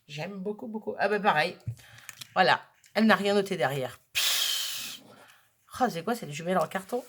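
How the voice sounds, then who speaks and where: A woman's voice: mid-range voice, a bit bright. Chatty woman unboxing crafts. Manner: chatty, thinks aloud with many fillers. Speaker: crafting vlogger. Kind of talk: casual unboxing chat.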